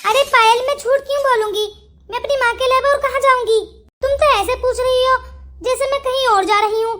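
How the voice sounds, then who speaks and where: A woman's voice: extremely high pitch, fairly even intonation, fairly quick, a bit bright, slight background noise. A woman voicing a scheming young wife in a Hindi cartoon story, pleading and sweetly insistent. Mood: defensive.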